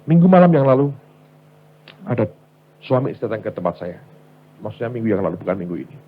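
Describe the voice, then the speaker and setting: A man's voice: on the low side, very animated, quick pace, breathy edge, phone-quality sound. A man preaching a sermon, telling stories and acting out the people in them as he addresses the congregation. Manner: storytelling preacher, acts out quoted voices, addresses congregation as brothers. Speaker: pastor.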